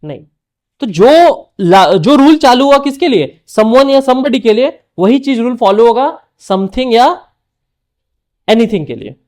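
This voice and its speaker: A man's voice: very high voice, expressive, takes it slowly, darkish tone. A man teaching an English grammar lesson to a class in Hindi, often quizzing students by name and checking they understand.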